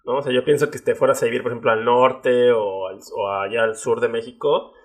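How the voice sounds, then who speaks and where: Husky mexican guy cohosting a podcast, chatty, lots of fillers, mid-pitched voice. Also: a little fast. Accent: Mexican Spanish. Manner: chatty, lively, with many fillers. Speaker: podcast co-host. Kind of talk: casual podcast chat.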